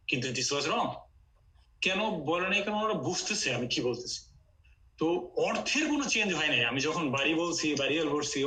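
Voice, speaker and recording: A man's voice: on the high side, sharp tone, slight background noise, low-quality recording. A man from Bangladesh teaching an online Quran Arabic class, explaining step by step and mixing in English.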